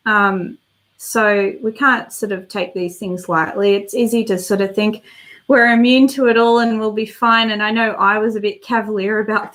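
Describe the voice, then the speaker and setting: Fairly high-pitched and fairly bright, this woman's voice carries a casual live stream where she responds to viewer comments. Her talk is chatty and wandering, like thinking aloud, with a touch of congestion and a tired edge.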